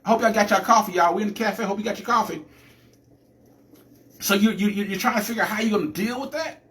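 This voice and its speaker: A man hosting a live podcast, talking through a chatty, animated monologue with a preacher-like cadence and lots of restarts. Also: high-pitched, quick pace. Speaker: podcast host.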